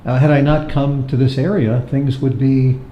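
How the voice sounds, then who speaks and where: A man's voice: medium pitch, steady tone, moderate pace, dull audio. A man interviewing a guest sympathetically, summing up what the guest has said. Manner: sympathetic, sums up the guest's words. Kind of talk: conversational interview. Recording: echoey room with faint noise.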